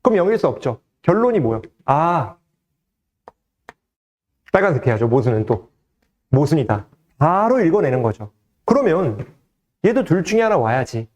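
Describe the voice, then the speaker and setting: Male math tutor, slightly high voice that swings widely in pitch, chatty exam walkthrough full of questions to the class. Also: moderate pace, pauses often, lo-fi sound. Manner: lively, conversational teaching with frequent rhetorical questions. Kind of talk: exam solution lecture.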